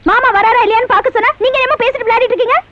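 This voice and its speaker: A woman's voice: very high-pitched, fairly even intonation, very fast. An actress playing a young village woman who pleads and nags urgently in a film scene. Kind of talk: film dialogue. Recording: dull old film soundtrack with music.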